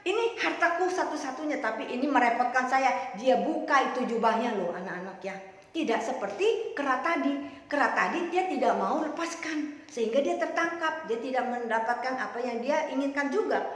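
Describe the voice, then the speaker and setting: A woman's voice: sits high, lively intonation, moderate pace, heavy reverb, long reverb tail. A woman, a Sunday school teacher telling a story to children and asking them playful questions. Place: church hall.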